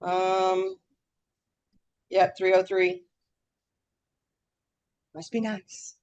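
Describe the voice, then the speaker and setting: A woman's voice: medium pitch, flat delivery, drawn-out words, darkish tone. A woman co-hosting a casual podcast, chatting and reading out news in a scattered, easily sidetracked way, saying her R's like W's. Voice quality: trouble saying R's, w-like R sounds. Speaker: podcast co-host.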